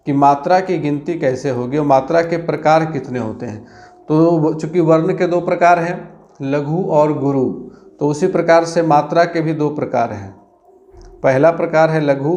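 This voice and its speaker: Male teacher for an exam-prep lesson; unhurried, a touch high-pitched, methodical and repetitive. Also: a little mellow. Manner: slow, counting syllables aloud, frequent "theek hai" checks.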